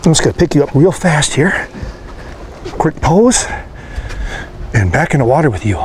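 A middle-aged man hosting a fishing show, talking outdoors on a lake boat with a lapel mic, excited as he coaxes and lands a fish. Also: fairly high pitch, normal speed, slight background noise. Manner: excited, coaxing the fish while landing it.

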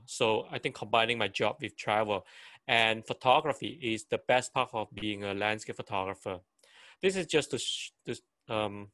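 A man's voice: medium pitch, sharp tone, no echo. Man giving an online photo seminar. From Malaysia. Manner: halting, many restarts. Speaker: photography teacher.

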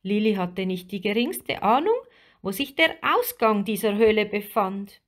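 A woman reading a children's storybook aloud as narrator, slow and expressive. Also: mid-range voice.

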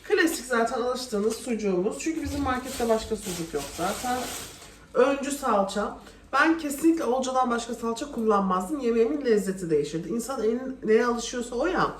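A woman's voice: a little high, animated, brisk. A woman vlogging casually at home, chatty and often exasperated as she complains. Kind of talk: casual home vlog chat. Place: home kitchen. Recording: echoey room, voice from a distance, faint noise.

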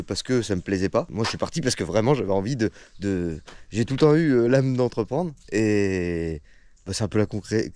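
A man's voice: on the low side, a little mellow. A young man who is a self-employed truck driver, hosting a casual Q&A vlog in slangy speech full of swearing, fillers and restarts.

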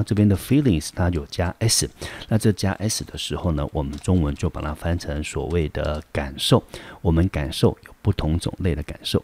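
A man with a deep, low voice and a Taiwanese Mandarin accent talks through a textbook lesson. He explains patiently, repeating phrases and reading the English lines slowly. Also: dark tone. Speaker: high school English teacher. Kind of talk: classroom lecture explaining a textbook.

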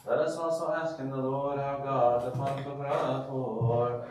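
A clergyman slowly chanting a liturgical thanksgiving prayer, his phrases ending in sung notes, in a church sanctuary. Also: mid-range voice, little pitch movement, background noise. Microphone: distant room mic. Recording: very echoey church from far off.

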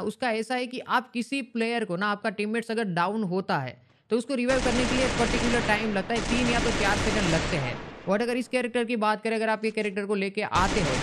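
A man's voice: sits high, a bit bright, a little hiss or hum. A man hosting a casual gaming update vlog, chatty and colloquial, often rephrasing himself and calling his viewers brother and guys. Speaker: gaming channel host.

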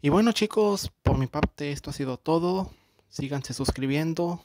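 A man hosting a tech tutorial, explaining phone settings in a relaxed, conversational way. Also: a little high, moderate pace, no echo. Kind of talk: casual screen-recording tutorial.

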